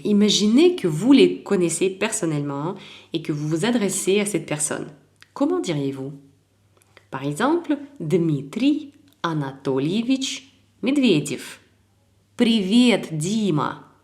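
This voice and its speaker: Slow, low-voiced woman teaching a lesson. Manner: calm, clear instructional delivery, repeats words for practice. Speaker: language teacher. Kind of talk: recorded language lesson.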